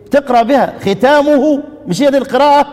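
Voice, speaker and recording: High-voiced Egyptian teacher in a reverberant hall. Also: male voice. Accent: Egyptian Arabic. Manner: quizzing students with drawn-out repeated syllables. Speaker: Quran recitation teacher. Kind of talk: classroom lesson on Quranic readings.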